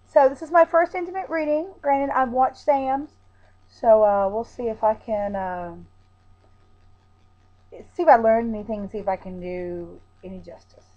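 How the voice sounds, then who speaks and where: A woman's voice: a little high, a little slow, dull audio. A woman giving a dramatic spoken reading with casual, blunt, opinionated asides in an informal manner. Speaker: video host performing a reading of song lyrics.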